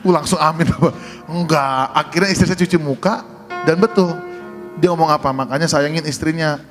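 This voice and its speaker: A man's voice: on the high side, brisk, soft background music. A man, a pastor, telling a humorous testimony to his congregation. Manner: humorous storytelling, addressing congregation. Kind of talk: sermon testimony.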